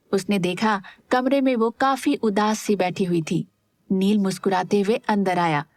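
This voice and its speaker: A woman narrating a serialized romance audio drama in a steady storytelling manner. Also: mid-range voice, no room sound, clean studio sound. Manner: steady storytelling, voices all parts.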